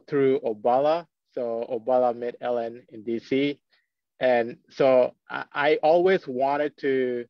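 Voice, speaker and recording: A man's voice: mid-range voice, no room sound. Young man from Ethiopia, dull dry audio. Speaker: neuroscience researcher. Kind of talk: guest introduction on video call.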